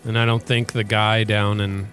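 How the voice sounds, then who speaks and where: A man's voice: lowish voice, little pitch movement, normal speed, a bit bright, faint music behind. A man hosting a let's play, giving casual gameplay commentary in a rambling, hesitant way with frequent restarts.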